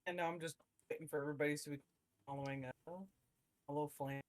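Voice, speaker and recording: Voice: medium pitch, fairly even intonation, fast talker, no room sound. A tabletop game player talking casually over an online voice call, the choppy connection breaking up and dropping words so phrases trail off mid-sentence. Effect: choppy call audio that breaks up and drops words. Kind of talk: casual in-character talk over voice chat.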